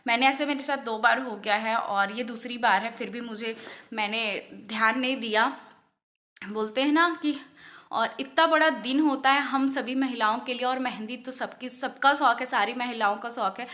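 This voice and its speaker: Bright-voiced woman vlogger, upset. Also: a little high, moderate pace. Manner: chatty, mixing English words into Hindi. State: upset and near tears. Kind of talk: casual vlog talk to camera.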